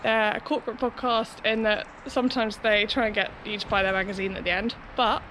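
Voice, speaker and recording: Young woman, higher-pitched voice, chatty casual running vlog, outdoor recording with clear traffic noise. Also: steady tone, fairly quick, a bit bright. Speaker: running vlogger. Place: outdoors beside a busy city road.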